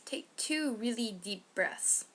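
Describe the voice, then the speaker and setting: A woman's voice: on the high side, expressive, takes it slowly, fairly bright tone, a little hiss or hum. A teenage girl chatting casually and giggling as she hosts a home how-to video, with loose slang. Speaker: co-host.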